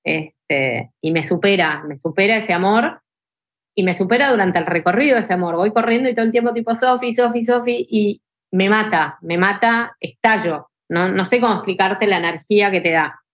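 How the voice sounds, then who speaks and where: A young adult woman with a Rioplatense Spanish accent appears as a podcast guest, an ultra trail runner, sharing emotional stories in casual conversation. Her voice is medium-pitched at a normal speed, and she uses lots of fillers such as "tipo" and "este".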